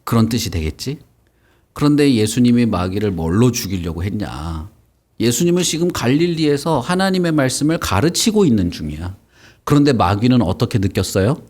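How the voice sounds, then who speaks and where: A man leads a children's Sunday school lesson in a plain, mid-pitched voice. He speaks lively and warmly engaged, tossing questions to the kids and acting out the story. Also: moderate pace. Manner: animated, asks the kids questions.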